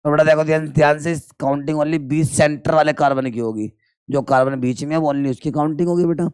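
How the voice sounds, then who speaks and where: Slightly high, crisp-voiced male chemistry teacher. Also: fairly even intonation, a little fast, a little mellow, no echo, studio quality. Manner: quizzes students and answers himself, calls them "beta". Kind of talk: classroom lecture.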